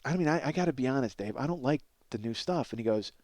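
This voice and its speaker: A middle-aged man hosts a comedy podcast, delivering a rambling, excitable, profane monologue full of self-mockery and stammered repeated words. His voice is mid-range and fast, and the recording is dry.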